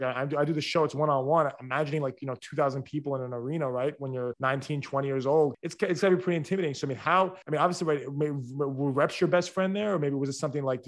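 A man hosting a one-on-one interview show, asking rambling questions with many restarts and "right?" tags. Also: medium pitch. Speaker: podcast host. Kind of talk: casual interview.

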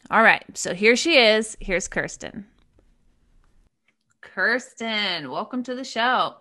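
A woman's voice: mid-range voice, expressive, slow, bright, forceful tone. A woman hosting a podcast, introducing her guest and interviewing her in an enthusiastic, encouraging way. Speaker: podcast host.

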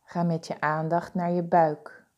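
In a muffled recording, a woman guides a body-scan meditation with a low, mellow voice. She paces herself very slowly and calmly, offering each instruction evenly and soothingly.

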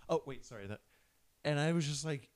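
A man's voice: on the high side, fairly quick. Chatty young man telling stories. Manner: chatty storyteller, drops into hushed impressions. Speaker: podcast co-host. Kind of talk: casual chat.

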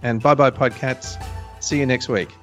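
A man hosting a podcast, summing up in a deliberate, somewhat formal conversational way. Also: mid-range voice, steady tone, a bit bright, faint music behind. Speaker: podcast host. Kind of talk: conversational discussion and summarizing.

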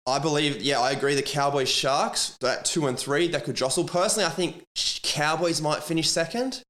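A man's voice: fairly high pitch, fairly quick, a bit bright. Blokey Aussie man hosting, tradie-style matey chat. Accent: Australian. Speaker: sports podcast host. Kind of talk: casual sports chat.

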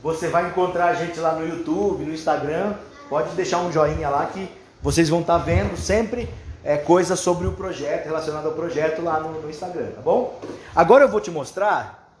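A man's voice: fairly high pitch, moderate pace. Brazilian man with kindergarten teacher voice, echoey room. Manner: kindergarten teacher voice, encouraging, simple instructions and checking questions. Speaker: workshop leader for schoolchildren. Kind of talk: addressing a class of children. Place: roomy classroom indoors. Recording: echoey classroom with faint background noise.

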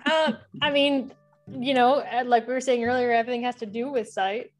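A woman's voice: fairly high pitch, steady tone, brisk, faint music behind. A woman guest explaining astrology in casual podcast chat, acting out little voices and swearing casually.

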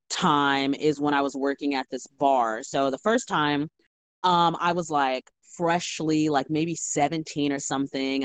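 A young woman, a bartender, telling stories in a casual, animated chat full of fillers. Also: sits low, no echo. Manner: animated storytelling with many fillers. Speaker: guest bartender.

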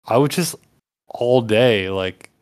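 A man's voice: mid-range voice, takes it slowly, darkish tone, clean tone. A young man co-hosting a podcast, chatting in a crude, joking, laid-back way. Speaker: podcast co-host. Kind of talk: casual chat.

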